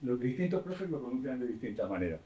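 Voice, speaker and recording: Mellow-voiced Spanish lecturer explaining to a class. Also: male voice, mid-range voice, sing-song, fast, muffled recording. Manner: explanatory, asks the class questions, self-correcting. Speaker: university lecturer.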